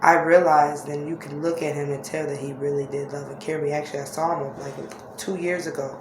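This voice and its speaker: A woman speaks in a low voice with little rise or fall. She shares personal stories in a casual, reflective and halting way, as if to regular viewers. The room echoes around her. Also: fairly even intonation. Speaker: vlogger. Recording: echoey room with faint-to-clear background noise.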